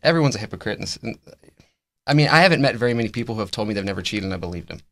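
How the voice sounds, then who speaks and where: Fast-talking low-voiced man, casual chat. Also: animated, fairly bright tone, no room sound. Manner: easygoing, rambling, acts out quotes. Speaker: podcast co-host.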